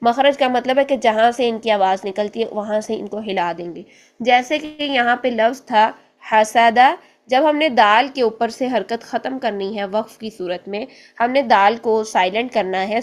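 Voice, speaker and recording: A woman teaching an online Quran class, explaining letter sounds patiently and step by step, then slowly demonstrating each one. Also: a little high.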